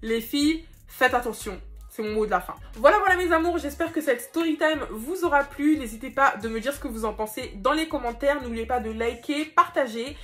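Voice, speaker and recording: A young woman vlogger telling a storytime to her viewers, animated and speaking directly to the audience. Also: high-pitched, brisk, soft background music. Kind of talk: storytime vlog.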